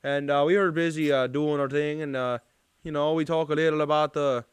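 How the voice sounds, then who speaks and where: A man's voice: a little high, steady tone, a little fast, clean tone, no room sound, lightly acted. A man putting on an Irish accent to tell a rambling pub story, full of fillers. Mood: joking. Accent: put-on Irish. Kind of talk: comic bit on a podcast.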